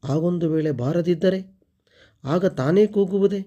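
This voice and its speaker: A man reading a short story aloud as narrator and teacher, steady and expressive. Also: high voice, measured pace, dull audio.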